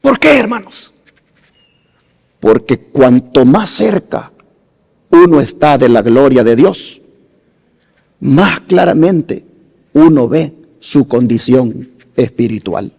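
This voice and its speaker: A man preaching a sermon as pastor, slow and dramatic, rising to loud emphasis and dropping to hushed phrases. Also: medium pitch, lively intonation, creaky, long reverb tail.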